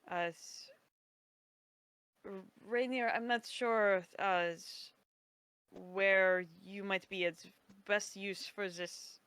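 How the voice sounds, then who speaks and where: A woman's voice: on the low side, a bit bright, clean tone, dry recording. Tentative woman player, dry close sound. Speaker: role-playing game player. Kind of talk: casual in-character tabletop game chat.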